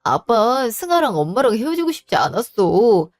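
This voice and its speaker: A woman's voice: on the high side, sing-song, moderate pace. A woman voicing a cheating husband and father who pleads and makes excuses in a defensive, wheedling way. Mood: pleading. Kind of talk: storybook voice acting.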